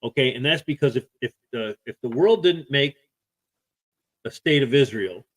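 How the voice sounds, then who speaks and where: A man co-hosting a live-stream podcast, talking forcefully with restarts and repeated points. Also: mid-range voice, expressive, moderate pace. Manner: forceful, repetitive, stop-start. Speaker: podcast co-host. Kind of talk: casual live-stream talk.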